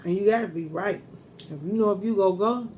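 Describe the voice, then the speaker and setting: A woman's voice: medium pitch, a little fast, dark tone, a little hiss or hum. A middle-aged woman chatting casually and giving earnest advice while eating crunchy fried chicken in a mukbang. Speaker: mukbang host.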